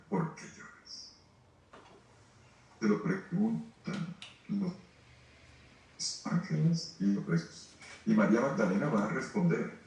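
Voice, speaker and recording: Echoey, distant priest preaching emphatically. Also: male voice, mid-range voice, darkish tone. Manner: emphatic, rhetorical questions, speaks to listeners directly. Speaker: priest leading a grief retreat. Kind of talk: sermon. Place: formation house hall.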